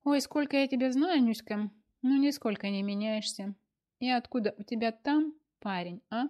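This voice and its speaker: Woman reading as a bossy, teasing girlfriend in a storybook, lively and high. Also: normal speed, lightly acted. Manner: pushy, teasing, interrupting. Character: chatty bossy young woman friend.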